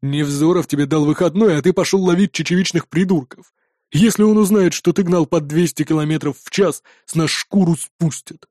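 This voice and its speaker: A reader voicing a gruff, blunt male police colleague who talks in curt orders. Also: mid-range voice, moderate pace, darkish tone, dry recording, clean studio sound, lightly acted. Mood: bossy. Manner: bossy, curt.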